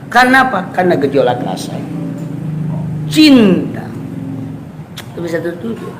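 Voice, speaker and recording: A man's voice: sits high, very animated, normal speed. A man giving a casual religious lesson to students, chatty, often asking "right?" and acting out quoted voices. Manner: chatty, asks "ya kan?" often, acts out quoted voices with laughs. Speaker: Islamic teacher giving a kitab study. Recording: echoey room with faint ambient noise.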